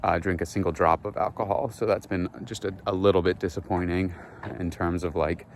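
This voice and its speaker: A man vlogging outdoors while walking through a neighborhood, rambling dryly with lots of fillers in a deadpan satirical way. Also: sits low, a little fast, a little hiss or hum. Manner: rambling, many fillers, dry.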